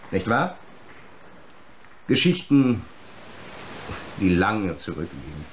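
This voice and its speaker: In a radio drama, an actor plays a menacing film director, an abandoned son who broods and accuses through insistent rhetorical questions. The male voice is low-pitched, and the rough recording has a little hiss or hum.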